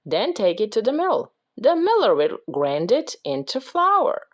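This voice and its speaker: Woman voicing busy storybook mother, patient, instructive, slow, lively. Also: on the high side, highs cut off. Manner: calm, instructive.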